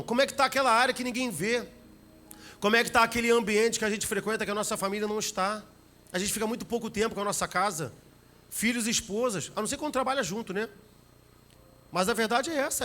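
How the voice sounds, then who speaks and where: A middle-aged man with a Rio de Janeiro Brazilian accent preaching a sermon as pastor, animated, acting out little family scenes. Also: sits high. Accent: Brazilian Portuguese, Rio de Janeiro.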